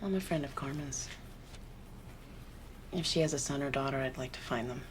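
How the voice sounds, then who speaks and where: An actress playing an earnest woman detective who speaks softly and politely, with some hesitation. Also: a bass voice, moderate pace, background noise. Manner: soft-spoken, polite, hesitant.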